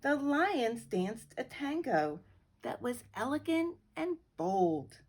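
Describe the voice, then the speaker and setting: A middle-aged woman reads a picture book to children. Her voice is high and lively in pitch, and she reads slowly. There is a soft breathiness to it. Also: husky. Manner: slow, expressive storytelling. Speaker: guest reader.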